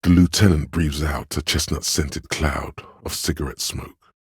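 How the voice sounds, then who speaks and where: An extremely deep, heavily husky male inner voice speaks directly into a troubled detective's head, measured, intimate and knowing, like scripted game narration. The tone is steady, gentle and perceptive, with an exaggerated quality. It's recorded dry and close, with no echo.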